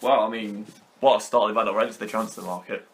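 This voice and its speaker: A man from Britain co-hosting a football podcast, giving short agreements and measured opinions. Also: fairly low pitch, fairly even intonation, gravelly, fairly bright tone. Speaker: podcast co-host. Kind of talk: casual chat.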